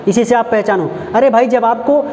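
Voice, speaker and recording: High-voiced male Hindi teacher, echoey room. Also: a little mellow, a little hiss or hum. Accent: Hindi, Uttar Pradesh. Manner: repeats example phrases slowly, asks rhetorical questions, says "ठीक" often. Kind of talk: online classroom lesson. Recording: echoey, dull lo-fi room recording.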